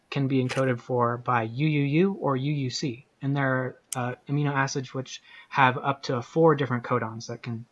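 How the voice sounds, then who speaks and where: A man's voice: mid-range voice, a bit bright. A man in a debate explaining technical points step by step. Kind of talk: debate Q&A answer. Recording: dull lo-fi sound.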